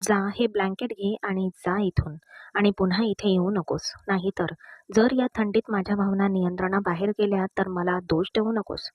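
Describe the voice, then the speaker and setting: A woman's voice: mid-range voice, steady tone, normal speed, no echo, muffled recording, close to an everyday voice. A woman voicing a stern, commanding young police officer husband in a storybook reading, curt and restrained.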